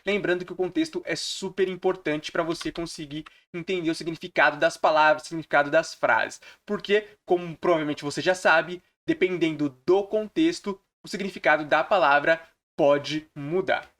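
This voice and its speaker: A man from Brazil teaching English phrases in a screen-recorded lesson, repeating each example slowly and deliberately. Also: a little high, steady tone, a bit bright.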